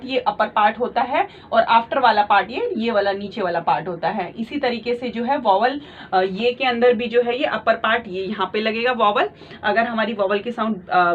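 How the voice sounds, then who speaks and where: Woman teaching shorthand, slow patient explaining, bit high, muffled recording. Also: slight background noise. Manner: slow, patient, repeats each point, mixes English terms into Hindi. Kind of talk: explaining lesson at a board. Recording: muffled lo-fi audio.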